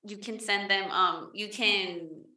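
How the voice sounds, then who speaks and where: Speaking slowly in a mid-range voice that is pushed and bright yet fairly even in intonation, a woman co-hosts a laid-back chat. Her talk wanders, heavy with fillers, restarts and repeated "like"s.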